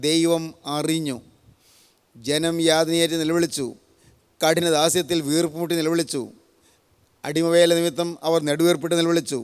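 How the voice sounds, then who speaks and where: A man's voice: on the high side, flat delivery, moderate pace, long pauses, clear, resonant tone. An older man from Kerala preaching a sermon, solemn and repetitive, stacking one parallel phrase after another. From Kerala, India. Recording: long hall reverb.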